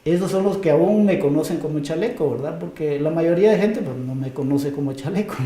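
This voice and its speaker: A man with a Guatemalan accent, an author guest telling stories in a relaxed interview, easygoing and quick to laugh. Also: on the high side, reverberant. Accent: Guatemalan Spanish. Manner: easygoing, laughs often, many fillers like "¿no?".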